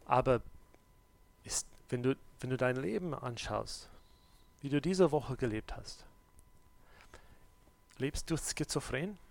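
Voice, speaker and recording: A man preaching a sermon, swinging between loud, urgent exhortation and quiet, close address, with direct questions to the listener. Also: medium pitch, animated, a little slow, creaky, long pauses. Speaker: pastor.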